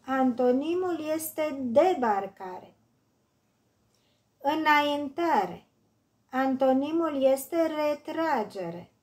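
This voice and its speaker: A woman teacher with a high, light voice and a Romanian accent works through a children's workbook. She speaks slowly and carefully, repeating each word as if dictating to a class. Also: warm tone. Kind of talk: reading and explaining a workbook lesson.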